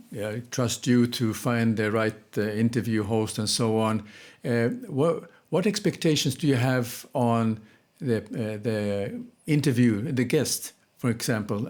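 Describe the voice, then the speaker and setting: A man's voice: medium pitch, a little mellow. Man, podcast host, hesitant, lots of fillers, stops and restarts. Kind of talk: interview questions.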